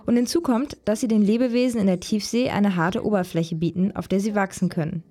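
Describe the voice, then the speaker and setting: A woman's voice: medium pitch, steady tone, fairly quick, mellow. A woman reading a scripted voice-over translation of an interviewed scientist.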